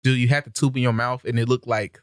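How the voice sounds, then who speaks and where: A young man appears as a podcast guest, telling stories casually in a loose, laid-back way and laughing often. His medium-pitched voice is fast and flat in delivery with a clean tone. The podcast studio recording is clean, with no room sound.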